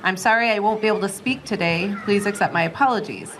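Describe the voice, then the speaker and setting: A woman's voice: mid-range voice, fast talker, fairly bright tone. An American woman hosting an event, making informal announcements to an audience. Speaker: event host. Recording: live event, audible crowd and noise.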